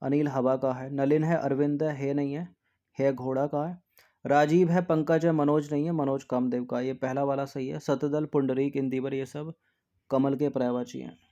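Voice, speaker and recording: Man, exam tutor, repeats words, mellow dark tone. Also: little pitch movement, moderate pace, dull audio. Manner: repeats words to drill spelling; drops to a soft low aside after answers. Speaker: teacher. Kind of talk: exam practice lesson.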